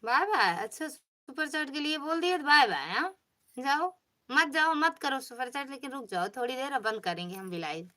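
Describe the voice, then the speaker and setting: Bright-voiced chatty woman live-streaming from a phone. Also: high-pitched, sing-song, moderate pace. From Pratapgarh, Uttar Pradesh. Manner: chatty, greets viewers by name and coaxes them. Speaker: livestream host. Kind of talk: casual livestream chat, reading viewer comments.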